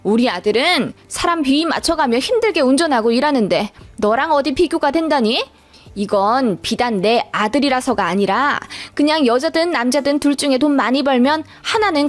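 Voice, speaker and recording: A woman voicing a sharp-tongued older mother-in-law who scolds and defends her son. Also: high-pitched, lively intonation, normal speed, soft background music. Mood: defensive. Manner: scolding, lecturing in informal speech.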